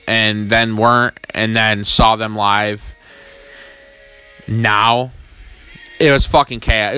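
Fast-talking profane excited man. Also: on the low side, clear, resonant tone. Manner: fast, profane, rambling with restarts. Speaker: music fan recapping concerts. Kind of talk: excited casual rant.

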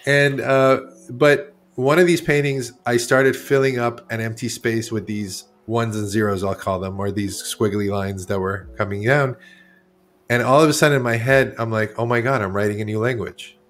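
A man's voice: medium pitch, fairly even intonation, moderate pace, a bit bright. A man in his forties, originally from Iran, talking as a guest artist in a casual interview, rambling and correcting himself as he goes. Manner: rambling, candid, self-correcting.

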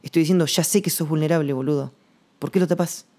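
A man with a Rioplatense Spanish accent hosting a reflective solo podcast monologue, rambling and slangy, thinking aloud with pauses. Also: a little high, fairly even intonation, darkish tone. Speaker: podcast host.

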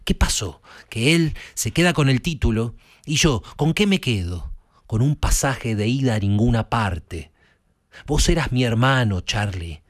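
A man's voice: mid-range voice, expressive, a little slow, no echo, studio quality. A man with an Argentine accent voicing a bitter, washed-up young boxer who reproaches his brother. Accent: Argentine Spanish. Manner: hurt, accusing, rising to outburst.

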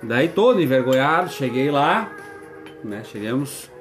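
A man in his thirties with a southern Brazilian accent talks casually as a radio co-host. His voice sits at a medium-high everyday pitch range for banter, and he often repeats short phrases as he tells stories. Music plays faintly behind him. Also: sing-song, a little slow. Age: 30s. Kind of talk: casual chat and storytelling.

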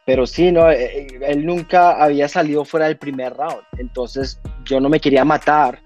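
A man in his twenties from Colombia, a guest talking in a relaxed, earnest way. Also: fairly high pitch, moderate pace, faint music behind. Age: 20s. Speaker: guest, fighter. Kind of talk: casual interview.

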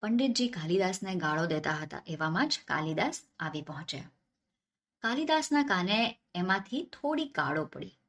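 A woman narrating a folk tale in a steady, measured storybook style. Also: fairly low pitch.

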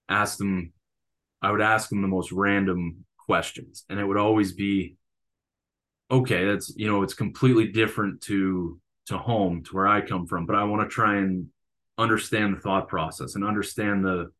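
A man's voice: low-pitched, sharp tone. A man, a football coach and teacher, telling reflective stories in a casual interview. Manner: reflective, storytelling.

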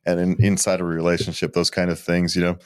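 A man's voice: deep voice, fast talker, smooth. An older man co-hosting a podcast, chatting casually and laughing often. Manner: relaxed, joking, laughs often. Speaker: podcast co-host. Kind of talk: casual chat.

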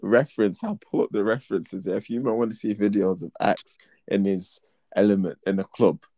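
A young man with a London roadman accent trades teasing, casual banter in heavy street slang. His voice sits fairly low and is recorded dry and close. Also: normal speed, mellow, no room sound. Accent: London, urban roadman slang style. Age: young adult.

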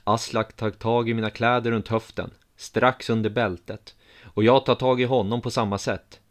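A man calmly reading a first-person story aloud in an even, measured way. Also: medium pitch. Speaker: narrator.

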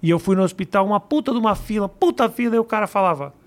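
A man hosts a casual talk with a high voice. He is laid-back and swears freely. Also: animated, rapid-fire. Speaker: host. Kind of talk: casual chat.

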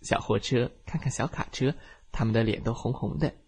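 A man telling a bedtime story to children, lively and expressive as he narrates. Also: mid-range voice, moderate pace, breathy edge.

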